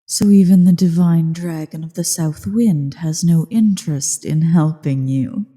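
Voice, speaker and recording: A woman voicing a haughty, menacing ancient dragon queen in a slow, theatrical ASMR roleplay, imperious and full of disdain. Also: sits low, warm tone. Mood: haughty, condescending. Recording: cavernous echo and long reverb.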